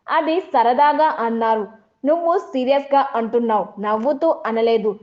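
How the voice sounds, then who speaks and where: A man's voice: extremely high pitch, normal speed. A woman voicing a defensive young man in a heated argument, speaking in an indignant, raised voice. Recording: dull lo-fi audio.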